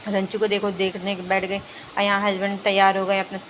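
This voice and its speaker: A woman's voice: mid-range voice, monotone, fairly quick, background noise. A young woman narrating her home vlog in a casual, chatty running commentary on her family's daily routine. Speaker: vlogger.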